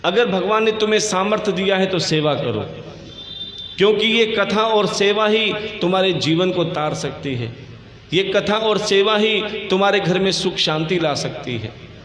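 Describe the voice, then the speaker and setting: A man's voice: high-pitched, animated, a little slow, fairly bright tone. A male religious storyteller giving a devotional sermon at a village gathering, fervent and addressing listeners as dear ones over a PA microphone. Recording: echoey hall with long reverb.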